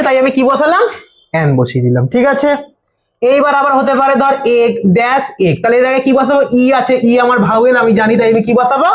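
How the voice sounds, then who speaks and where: High-voiced tutor woman in an echoey room. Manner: asks and answers her own questions, repeats key answers. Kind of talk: informal grammar lesson.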